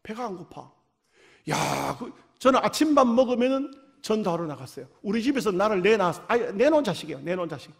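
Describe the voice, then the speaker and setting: A man preaching a revival sermon. He tells lively stories and acts out voices, swinging from shouts to near whispers, and has a slight cold. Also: sits high, fast talker, creaky, hardly any pauses. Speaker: pastor. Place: church.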